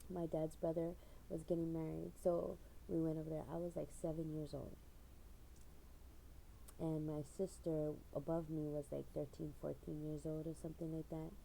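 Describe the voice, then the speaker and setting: Gravelly dark-voiced woman. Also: low-pitched, flat delivery, moderate pace, a little hiss or hum, poor audio. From Hawaii. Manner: rambling storyteller with frequent fillers and laughs. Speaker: channel owner. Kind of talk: casual personal vlog.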